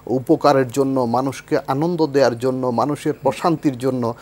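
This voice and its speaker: A man's voice: medium pitch, steady tone, normal speed, darkish tone. A man from Bangladesh, a guest scholar, explaining religious ideas in a thoughtful way and reciting Arabic phrases.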